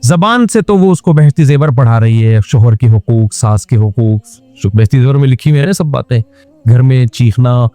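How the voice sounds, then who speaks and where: A man's voice: medium pitch, lively intonation, warm tone, dry recording, soft background music. A man with a Pakistani Urdu accent giving a conversational, humorous religious lecture and acting out everyday examples. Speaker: Islamic scholar giving a lecture. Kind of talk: sermon.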